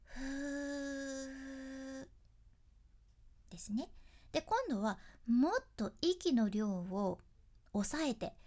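A woman, a speaking coach explaining voice tips in a friendly, lively teaching tone. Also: medium pitch, slow. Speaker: speaking coach, freelance announcer. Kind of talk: instructional talk to camera.

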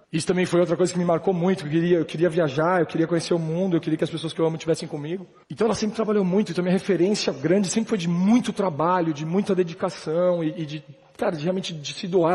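A man from Brazil delivers a motivational talk at a rapid clip, his voice sitting high for a man. He speaks emphatically and conversationally, throwing in slangy asides. The sound carries a long reverb from the large hall he speaks in. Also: a little mellow. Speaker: motivational speaker at a business event. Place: large hall with a live audience.

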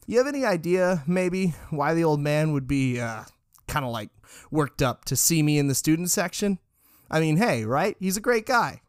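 A man's voice: on the high side, sing-song, moderate pace, no echo, studio quality, voice pushed up. A man voicing a shy, eager young male student who talks hesitantly with many fillers. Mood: unsure.

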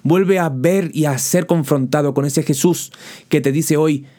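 A man's voice: a little high, unhurried, dark tone. A man preaching a sermon in an impassioned way, building his points through repeated rhetorical questions and direct appeals to the listener.

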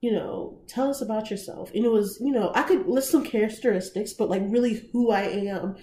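Chatty young woman with mellow voice. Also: mid-range voice, a little fast. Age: 20s. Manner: chatty, laughs easily. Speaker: podcast co-host. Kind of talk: casual chat. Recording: echoey room, faint background noise.

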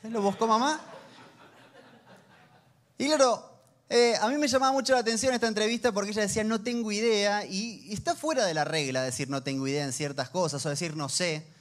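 A man's voice: sits high, fairly even intonation, fairly quick. A man, preaching a sermon in a conversational, humorous storytelling manner. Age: 30s. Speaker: pastor.

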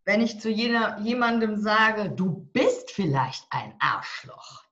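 A woman with a mid-range, slightly bright voice speaks slowly with big swings in pitch. The divorce coach and author, turning 60, joins a casual interview as a guest and describes her coaching bluntly, with humor, on dull lo-fi audio.

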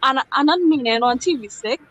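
Emphatic high-voiced Trinidadian woman. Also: brisk, fairly bright tone, no room sound, rough recording. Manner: emphatic, insistent, repeating her point. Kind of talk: casual podcast chat.

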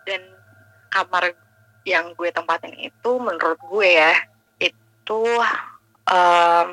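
A woman calling in over the phone, telling a personal ghost story in a halting casual way. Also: fairly low pitch, fairly even intonation, a bit bright, low-quality recording. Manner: halting, searching for words. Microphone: phone call.

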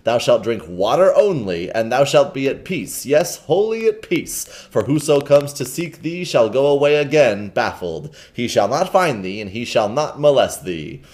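A man's voice: medium pitch, very animated, normal speed, few pauses, a little mellow, lightly acted. A man doing a ranting old hermit monk. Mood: solemn. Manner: solemn archaic preaching, swinging to angry.

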